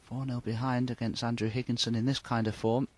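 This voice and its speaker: A man giving hushed, measured and understated snooker commentary. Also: mid-range voice, flat delivery, very noisy.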